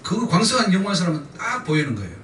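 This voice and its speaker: A man's voice: sits high, wildly swooping pitch, very fast, fairly bright tone, a little hiss or hum. A male pastor preaching a sermon with emphatic repetition, leading the congregation in call-and-response. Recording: echoey church sound from a distant mic.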